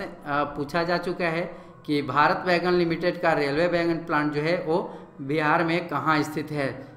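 A man with a sore, slightly hoarse throat teaching an exam-prep lecture that walks through quiz answers. He explains in a repetitive, filler-heavy way and often says "okay". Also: sits high, pushed and bright, roomy sound.

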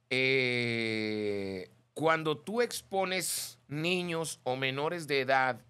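A man with a Mexican Spanish accent, hosting a radio show and chatting casually while reading listener messages, gossipy and animated. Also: mid-range voice. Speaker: radio host.

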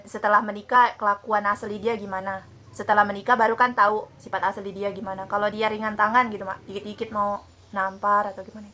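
A woman's voice: mid-range voice, bright, forceful tone, slight background noise. A young woman hosting her own vlog, chatty, asking her mother questions and talking straight to her viewers. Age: young adult. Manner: chatty, asks questions and addresses viewers directly. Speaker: vlogger host. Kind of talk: casual vlog chat.

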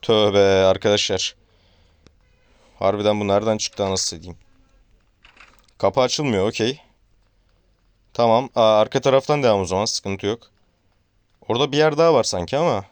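A man's voice: on the low side, moderate pace, long pauses, clean tone, no room sound. A man playing a horror game on his channel, chatting with viewers and reacting to the scares. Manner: chatty, joking, addresses viewers as friends; shouts and pleads at a game character. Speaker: gaming YouTuber.

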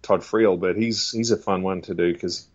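A man's voice: sits low, steady tone, normal speed, husky, no room sound, dull audio. Chatty man doing impressions. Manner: chatty, laughs often, stammers restarts. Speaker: guest. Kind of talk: casual interview chat.

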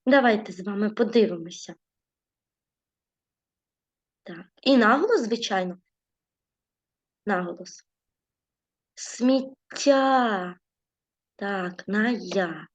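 A woman in a lesson for young children, talking softly and patiently with lots of diminutives and frequent "right?" check-ins. Her voice has an ordinary pitch for a woman, and the recording sounds slightly muffled and dull. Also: slow, pauses often. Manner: gentle, uses diminutives, frequent checking "так?". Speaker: primary school teacher. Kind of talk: classroom lesson narration.

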